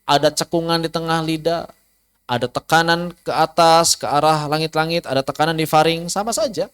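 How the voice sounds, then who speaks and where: A man's voice: on the high side, brisk, a bit bright, clean tone. A man, teaching a Quran recitation lesson online, asking rhetorical questions and demonstrating letter sounds aloud. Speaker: ustaz teaching tajwid.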